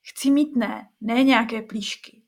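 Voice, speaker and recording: A woman voicing a small, hungry wild forest spirit girl in a storybook reading, speaking slowly and high. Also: steady tone, darkish tone. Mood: demanding.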